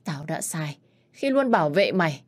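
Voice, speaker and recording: Woman narrator doing a furious mother, fierce and loud. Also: deep voice, sing-song, moderate pace. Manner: furious, shouting.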